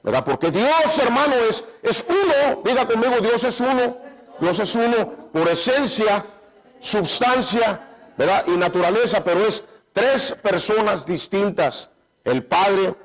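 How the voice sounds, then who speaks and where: A man preaching in a church with a notably high voice. He keeps calling for amens and calling his listeners brothers. His delivery jumps between loud, raised lines and quiet, low asides. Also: big pitch swings, a little slow, rough recording. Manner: call-and-response, repeating "¿cuántos dicen amén?" and "hermanos"; restarts and repeats phrases often. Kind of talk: sermon.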